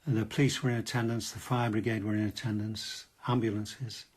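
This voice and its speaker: An older man with a low, husky voice gives a steady account in an interview. He speaks as a retired fire officer, calm and matter-of-fact. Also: brisk. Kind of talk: interview recollection.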